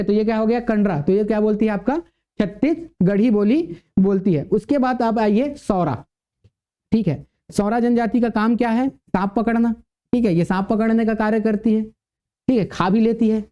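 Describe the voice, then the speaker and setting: A man's voice: sits high, dull audio. Man lecturing, quizzing and repeating. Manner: asks the class questions and answers them himself, repeats key words. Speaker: teacher. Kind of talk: classroom lecture.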